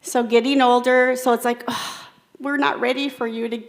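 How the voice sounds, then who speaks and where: Gravelly-voiced woman giving an engaging keynote. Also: on the high side, level tone, moderate pace. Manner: engaging, repeats audience comments back. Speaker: keynote speaker. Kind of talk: interactive talk with audience.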